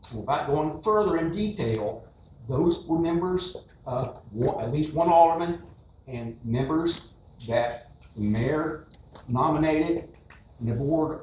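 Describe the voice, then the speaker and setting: Deliberate man at public comment, echoey. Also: mid-range voice, darkish tone. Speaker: resident speaking at public comment. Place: council meeting room. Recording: echoey room, muffled, faint noise.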